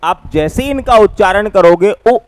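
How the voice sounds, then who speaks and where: A man's voice: high-pitched, expressive, normal speed, no echo. A man teaching a grammar lesson, asking rhetorical questions and answering them himself, and drawing out vowel sounds to demonstrate them. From Rajasthan, India. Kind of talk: classroom lecture.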